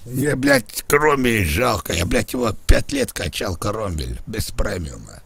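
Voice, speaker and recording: A man's voice: fairly low pitch, very animated, measured pace, gravelly, a bit bright, slightly rough. A man trolling other players in a game voice chat over a headset, crude and provocative, pleading in mock distress. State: claims to be drunk.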